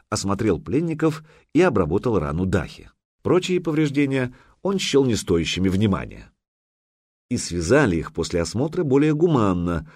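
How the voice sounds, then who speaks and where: A male audiobook narrator reads in a measured storytelling manner, with a low voice that moves up and down freely. The recording is close and dry, with no room sound. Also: darkish tone, dry recording. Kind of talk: scripted narration.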